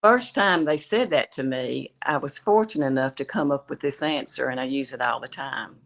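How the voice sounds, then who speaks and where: An older woman with a Southern accent chats as a novelist guest on a video call, telling her stories in a relaxed way. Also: extremely low pitch, moderate pace, vocal fry. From West Tennessee. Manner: chatty storyteller. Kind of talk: casual chat.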